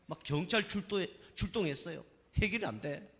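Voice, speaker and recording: A man's voice: high-pitched, a little fast, creaky, fairly bright tone. A male pastor giving a Sunday sermon in a folksy, storytelling way, often asking the congregation for agreement. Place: church sanctuary. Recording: church hall with long reverb.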